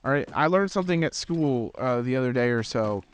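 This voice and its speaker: A man's voice: medium pitch, lively intonation, brisk, clear, resonant tone. A teenage boy hosting a gaming channel, telling a rambling, self-deprecating story in casual chat with lots of restarts. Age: teens.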